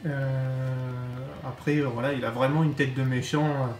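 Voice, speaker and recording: A man co-hosting a toy review in casual chat, explaining things in a halting way. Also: mid-range voice, level tone, darkish tone. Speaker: co-host presenting toy figures. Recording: echoey room, music behind.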